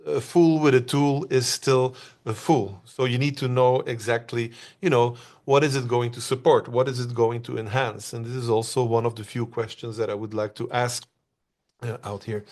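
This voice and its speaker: A Belgian man speaks at an ordinary mid pitch to an online audience. His conversational style is loose, with lots of "uh" pauses and questions aimed at his listeners.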